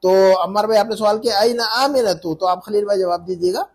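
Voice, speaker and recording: A man's voice: sits high, brisk. A man teaching a live class, patient, repeating words to drill pronunciation. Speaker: Arabic teacher.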